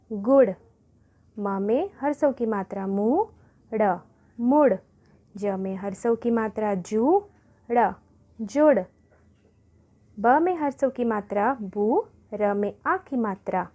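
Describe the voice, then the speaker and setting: Woman, kindergarten teacher; slow, fairly high voice, punches out each word. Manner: sounds out syllables, stressing each word loudly. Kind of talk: slow classroom phonics lesson.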